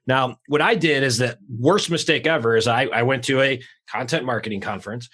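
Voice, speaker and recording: A man hosting a podcast over a call, talking fast and raw with casual swearing and lots of energy. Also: medium pitch, fairly bright tone. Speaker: podcast host. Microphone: remote call recording.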